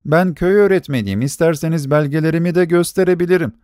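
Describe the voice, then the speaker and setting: A man's voice: a little high, fast, darkish tone, no echo, clean studio sound, voice pushed up, lightly acted. A man voicing a young drunken beggar who pleads and stammers. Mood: flustered.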